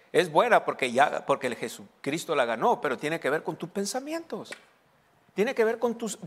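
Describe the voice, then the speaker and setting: A man preaching a sermon in a slightly higher voice. He quizzes his congregation and repeats phrases for emphasis. His voice rings with the long reverb of a big church hall. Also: a bit bright. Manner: preaching to a congregation with questions and repetition. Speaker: pastor.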